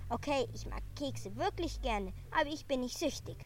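A woman's voice: high-pitched, animated, normal speed, a little hiss or hum, pitched above the performer's own voice. A woman doing a whiny cookie-greedy reindeer. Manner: whining, sulky.

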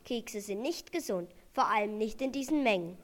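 A woman's voice: medium pitch, expressive, moderate pace, natural voice. A woman voicing a firm, sensible female reindeer in a storybook, scolding but fair.

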